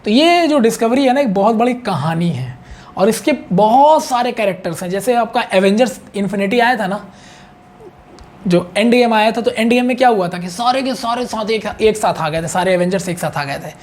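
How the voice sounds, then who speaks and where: Male chemistry tutor, high voice, conversational lecture delivery with constant check-ins and repetition. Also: expressive, moderate pace, darkish tone. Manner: chatty, repeats key points, many "ठीक है" check-ins. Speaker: chemistry teacher. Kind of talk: online exam-prep lecture.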